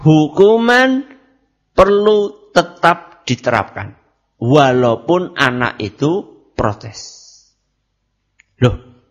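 A man's voice: a little high, fairly bright tone. A man giving a religious study lecture on parenting, asking and answering his own questions. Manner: asks and answers his own questions, mixes in Javanese words. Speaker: Islamic preacher.

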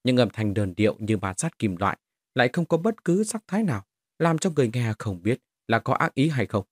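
A man's voice: medium pitch, sing-song, a little fast, slightly rough, dry recording, clean studio sound. A man reading a fantasy novel aloud as scripted audiobook narration.

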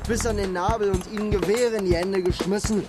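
A man plays a scornful rebel in an angry mob, hurling accusations in a high voice for a man. Loud music runs under the scene. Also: steady tone, brisk, lightly acted. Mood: contemptuous. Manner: accusing, contemptuous. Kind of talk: stage play performance.

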